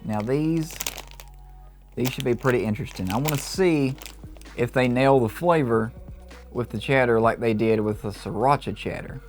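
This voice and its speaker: A man giving an enthusiastic, casual review of low-carb snacks, reacting as he tastes them. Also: normal speed, music in the background. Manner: upbeat, enthusiastic tasting reactions. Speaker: food reviewer. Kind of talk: casual product review vlog.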